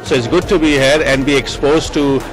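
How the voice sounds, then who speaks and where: A man speaks in a measured, diplomatic way, pausing often, into a handheld mic under an outdoor tent. His pitch is average. Music plays clearly in the background. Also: fairly even intonation, poor audio. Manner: measured, diplomatic, many pauses. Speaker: ambassador guest. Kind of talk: formal event interview.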